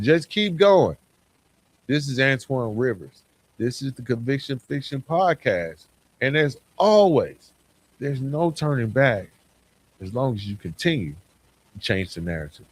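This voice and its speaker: Speaking alone on his podcast, this host has a medium-pitched voice that is very animated yet unhurried. He sounds earnest and motivational as he reflects in a partly scripted monologue, frequently stressing brief parallel phrases.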